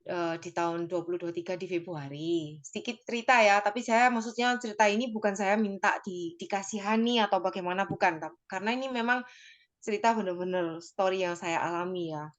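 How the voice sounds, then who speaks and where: A woman's voice: mid-range voice, steady tone, a little fast. Woman sharing a heartfelt personal testimony. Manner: conversational and emotional, frequent fillers and tag phrases; addresses listeners directly. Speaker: church small-group member giving a testimony.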